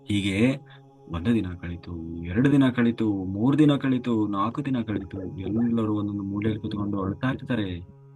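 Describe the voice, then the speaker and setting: A man's voice: fairly low pitch, normal speed, darkish tone. A man giving a spiritual talk as a story, dramatic and repetitive, often dropping to a near whisper. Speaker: spiritual teacher.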